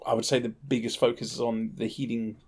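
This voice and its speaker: A man's voice: medium pitch, flat delivery, quick pace, darkish tone, husky. A man co-hosting a gaming podcast in casual chat, teasing his co-hosts and skeptical of their claims, at times reading out game blurbs. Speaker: podcast co-host.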